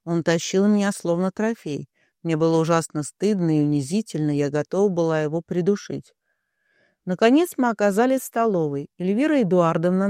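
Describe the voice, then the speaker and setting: An audiobook narrator reading a first-person story in a brisk, expressive way. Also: medium pitch, smooth, no echo, clean studio sound.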